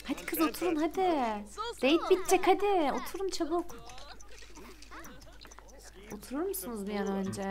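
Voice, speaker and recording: Young woman, game streamer, high voice, lively swings in pitch, chatty, excitable, faint background noise. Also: vocal fry. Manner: chatty, excitable, gushing, addresses viewers. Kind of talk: casual gameplay commentary.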